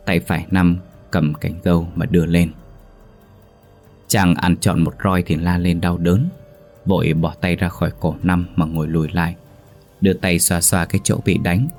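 A man's voice: sits low, darkish tone. A man narrating a horror story in a dramatic, suspenseful manner.

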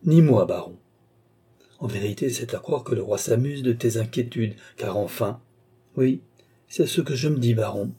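A man's voice: mid-range voice, moderate pace, mellow, husky. A man voicing an old, vain French duke who banters and dodges, his retorts rising in exasperation. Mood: exasperated. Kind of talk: audiobook character reading.

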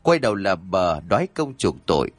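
A man's voice: low voice, sing-song, normal speed, dry recording. A man voicing a stern, wise male exorcist master who lectures and admonishes firmly in an audio story. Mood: admonishing.

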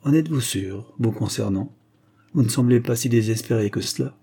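A man reading an audiobook, voicing a proud, quick-witted young baroness with dry, cutting repartee. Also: mid-range voice, creaky, warm tone, slightly rough. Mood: sly.

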